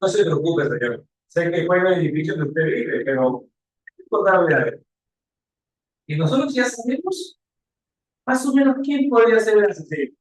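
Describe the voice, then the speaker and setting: A man voicing a shrewd, talkative male police investigator who keeps urging the other to calm down. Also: sits high, moderate pace. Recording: echoey room.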